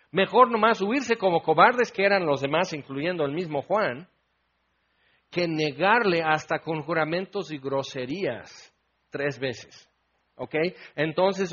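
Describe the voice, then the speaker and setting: Male preacher, high voice, conversational sermon, acts out quoted voices, dull lo-fi recording. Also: fairly bright tone. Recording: dull lo-fi sound.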